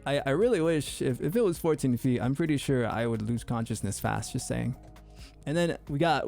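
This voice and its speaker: Gravelly young man joking on stream. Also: mid-range voice, darkish tone. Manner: goofy, joking, quick to laugh; stammering restarts. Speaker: VTuber streamer. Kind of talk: casual livestream chat.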